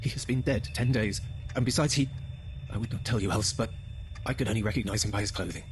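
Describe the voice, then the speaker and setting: A man as a quick, shaken old husband. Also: on the low side, noisy background, pitched above the performer's own voice, lightly acted. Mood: fearful. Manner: faltering, unsteady, urgent. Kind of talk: dramatic horror story reading.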